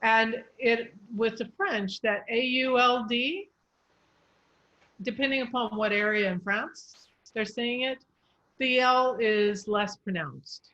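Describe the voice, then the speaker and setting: A woman's voice: a little high, fairly bright tone. Patient woman coach, lo-fi sound. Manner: patient, spells out letters slowly. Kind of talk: pronunciation coaching.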